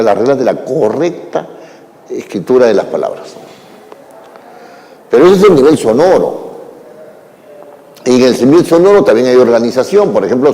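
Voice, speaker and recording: A man giving a classroom lecture, explaining at an unhurried pace and often closing his phrases with a questioning tag and fillers. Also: medium pitch, dark tone. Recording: long hall reverb.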